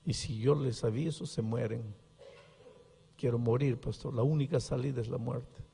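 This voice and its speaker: A man's voice: mid-range voice, fairly even intonation, moderate pace, creaky, husky. A preacher voicing a despairing teenage girl. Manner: hushed, pleading quotes within a story. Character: desperate pregnant fifteen-year-old girl. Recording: long hall reverb.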